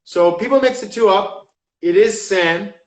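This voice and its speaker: This is a man in his thirties, a professional fighter, talking casually in an interview with a high, unhurried voice. The sound is reverberant and the audio poor, and he rambles with plenty of likes and uhs.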